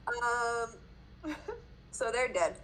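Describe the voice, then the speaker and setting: A woman with a New York accent playing a card game aloud, giggly and playful, thinking out loud with a lot of hesitation. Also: fairly high pitch, drawn-out words, poor audio. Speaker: player.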